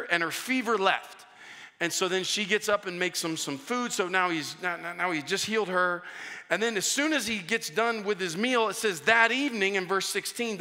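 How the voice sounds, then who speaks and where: Bright-voiced man preaching in a hall. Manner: energetic, climbs in pitch and volume when acting out scripture voices; repeats words and restarts phrases. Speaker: pastor. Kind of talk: sermon.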